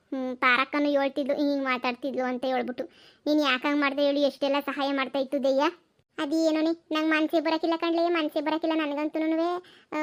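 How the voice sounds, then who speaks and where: A woman voicing chatty village women in a cartoon comedy, in a rapid, gossipy, exclaiming manner. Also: high-pitched, close to an everyday voice.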